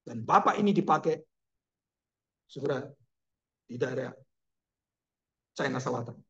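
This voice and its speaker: A man's voice: mid-range voice, expressive, a little slow, creaky, muffled recording. A man preaching a sermon, telling a story expressively with emphatic exclamations and ending in prayer. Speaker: pastor.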